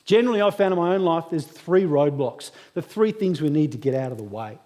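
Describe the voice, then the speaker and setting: With a slightly high, expressive voice carrying a dark tone, a man in his thirties speaks a little quickly at a graduation. The hall's reverb colors his humorous, self-deprecating motivational storytelling.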